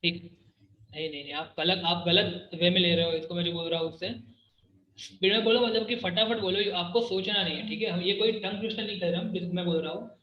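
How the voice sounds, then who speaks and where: A man's voice: high-pitched, steady tone, fast. A male chemistry teacher lecturing a class, drilling students with repeated questions and mixing Hindi with English. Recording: echoey room, dull lo-fi sound.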